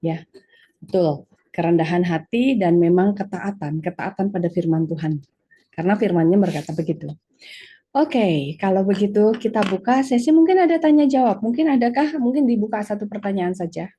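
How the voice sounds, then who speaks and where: A woman's voice: mid-range voice, moderate pace, mellow, husky. A woman moderating an online meeting over a video call, affirming the speaker and opening questions in an orderly way. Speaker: session moderator.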